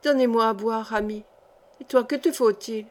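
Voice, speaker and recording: A weak, hoarse old coachman near death, read by a woman. The voice stays soft and low in level, with each breath costing effort. It keeps a fairly high tone for a man. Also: steady tone, moderate pace, close to an everyday voice. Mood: weary. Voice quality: hoarse, faint.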